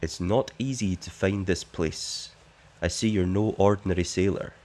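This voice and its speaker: A man's voice: sits low, fairly even intonation, normal speed, darkish tone, lightly acted. A man voicing a shady smuggler boss who offers a secret job, read plainly from the game text.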